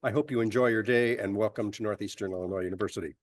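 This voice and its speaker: A man giving a measured, formal welcome speech at a university conference. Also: fairly low pitch, dry recording, recorded from a distance. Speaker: university official welcoming attendees.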